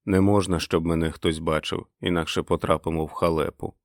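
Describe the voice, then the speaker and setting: Brief: a man playing a winged, low-voiced father, gloomy turning exultant, dry audiobook read. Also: steady tone, fairly quick, dry recording. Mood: sad. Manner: bursts into loud joyful exclamations. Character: winged grown father yearning to fly, gloomy then overjoyed. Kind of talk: audiobook character reading.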